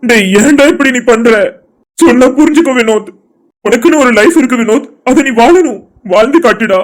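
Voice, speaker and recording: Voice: mid-range voice, a little fast, lightly acted. A voice artist voicing a worried, protective male friend in a cartoon drama, anxious and urging. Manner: anxious, scolding then soothing.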